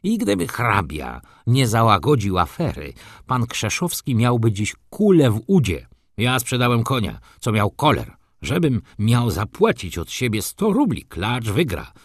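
A man's voice: medium pitch, huge pitch swings, unhurried, breathy edge, no room sound, studio quality, exaggerated voice. A man doing a blustering, cursing stable director. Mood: indignant. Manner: swearing, shouting, boastful. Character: irascible blustering male horse-stable director, middle-aged.

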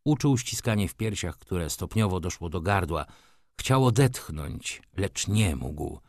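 A man with a fairly low voice reads a classic novel aloud, measured and dramatic. He moves between hushed passages and intense ones. The sound is dry and close. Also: animated, dry recording. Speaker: audiobook narrator. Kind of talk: dramatic literary reading.

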